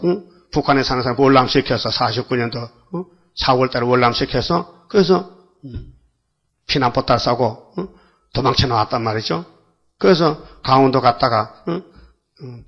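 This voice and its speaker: A man's voice: mid-range voice, slightly rough, dull audio. An older man preaching a dawn worship sermon, folksy and full of rhetorical questions to the congregation. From South Korea. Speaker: pastor.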